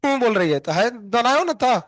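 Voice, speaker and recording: A man's voice: very high voice, very animated, moderate pace, fairly bright tone, dry recording, low-quality recording. A man teaching a live online class, chatty and teasing his students while mixing English terms into his explanations.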